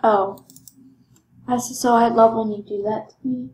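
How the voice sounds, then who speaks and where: Slow-talking young woman game vlogger. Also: a little high, fairly even intonation, darkish tone, echoey room, slight background noise, poor audio. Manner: chatty, rambling, self-deprecating. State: voice cracking. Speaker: gaming vlogger. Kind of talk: casual game commentary.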